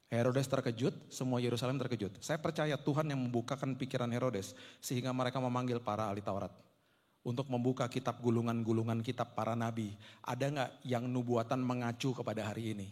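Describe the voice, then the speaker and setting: A man's voice: medium pitch, fairly even intonation, brisk, a little mellow. A male pastor preaching a sermon, telling stories with humorous asides to the congregation. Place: church hall. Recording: long hall reverb.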